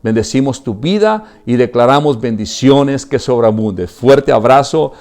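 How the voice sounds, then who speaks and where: A man preaching a sermon as pastor, swinging between impassioned calls and hushed prayer. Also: medium pitch, lively intonation, unhurried.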